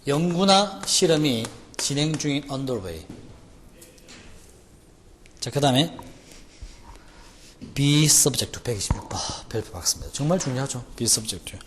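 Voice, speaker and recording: A man's voice: mid-range voice, sing-song, measured pace, long pauses. A male teacher with a Gyeongsang accent giving a jokey classroom lecture, firing rhetorical questions at students. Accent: Gyeongsang Korean. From Gyeongsang region, Korea. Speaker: English vocabulary lecturer. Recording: lecture hall reverb, faint noise.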